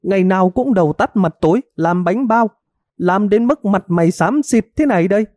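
A man's voice: high-pitched, lively intonation, moderate pace, darkish tone, no room sound, studio quality, voice pushed up. A man voicing a hot-tempered middle-aged village wife who scolds and wails melodramatically in a storybook reading. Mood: wailing.

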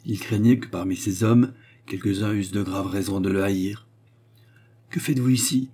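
A man giving a measured, steady scripted narration of a novel as an audiobook narrator. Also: low-pitched, breathy edge.

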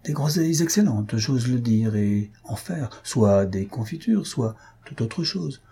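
A man's voice: mid-range voice, lively intonation, unhurried, gravelly, dark tone, husky, exaggerated voice. Waldorf, a man reading a bumbling eager suitor. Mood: earnest. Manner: earnest, fumbling, then bursting with joy. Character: awkward, eager male suitor, country gentleman. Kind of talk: audiobook character voice.

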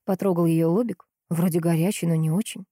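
A woman narrating an audiobook in a steady, measured storytelling manner. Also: fairly low pitch, no echo, clean studio sound. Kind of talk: scripted narration.

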